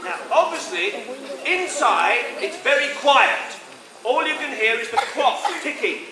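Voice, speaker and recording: Man playing a pompous English gentleman detective. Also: very high voice, sing-song, a little slow, exaggerated voice. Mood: playful. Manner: theatrical, coaxing the audience to join in. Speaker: stage actor. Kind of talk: live stage play with audience participation. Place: large indoor sports hall. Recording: echoey hall, loud audience noise. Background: noisy crowd of children.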